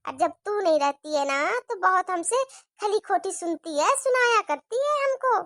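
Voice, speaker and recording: A woman voicing a sharp-tongued young married daughter in a cartoon story, complaining and tattling. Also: very high-pitched, expressive, normal speed, no room sound, clean studio sound, exaggerated voice. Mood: whiny.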